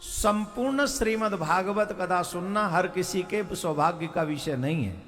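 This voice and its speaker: Male devotional preacher, unhurried delivery, faint music behind him, big-tent reverb. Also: sits high, animated, a bit bright. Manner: earnest, teasing the crowd, calls for responses. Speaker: kathavachak preacher. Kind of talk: devotional sermon to a live crowd.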